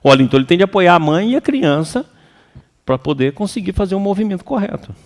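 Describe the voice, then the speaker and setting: A man with a Brazilian Portuguese accent giving a lively, colloquial seminar lecture to an audience. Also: high voice, quick pace. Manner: animated and colloquial, acts out quoted voices. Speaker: seminar speaker. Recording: reverberant hall.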